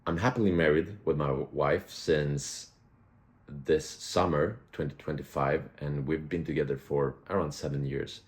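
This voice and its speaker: Very deep-voiced young man. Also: fairly even intonation, unhurried. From Sweden. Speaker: vlogger. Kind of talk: casual reflective vlog talk to camera.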